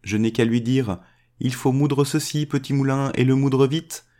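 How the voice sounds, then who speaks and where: A man voicing an easygoing poor peasant in a storybook, with a high, lively voice. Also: normal speed, close to an everyday voice.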